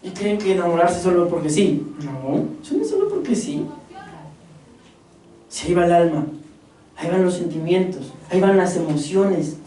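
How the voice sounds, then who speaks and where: A woman delivers a sermon in a mellow, warm voice, throwing rhetorical questions at the congregation. She stands away from the mic, and the recording carries the long echo of a church hall. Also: fairly low pitch, a little hiss or hum. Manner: animated, addresses congregation as beloved brothers, quick rhetorical questions. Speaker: preacher. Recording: echoey hall, voice from far off.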